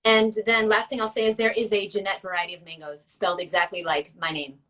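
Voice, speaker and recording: A woman's voice: medium pitch, level tone, fast talker, fairly bright tone, recorded from a distance, poor audio. A woman co-hosting a casual chat, talking in a chatty, playful way with laughing asides. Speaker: co-host.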